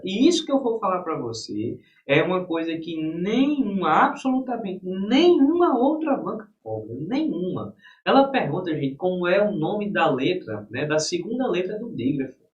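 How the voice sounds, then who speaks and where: Guy teaching a live class, folksy and chatty, pitch jumping around, echoey room. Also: sing-song, normal speed. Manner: folksy, talks to students as "gente" and "rapaz". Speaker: exam-prep teacher. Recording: echoey room, distant dull mic.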